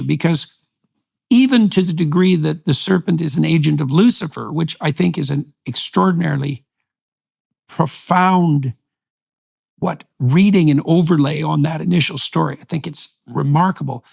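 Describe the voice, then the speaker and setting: A man hosting a long-form conversation, speaking in a halting, emphatic way as he searches for words. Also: on the high side, gravelly, a little mellow, breathy edge. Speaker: host.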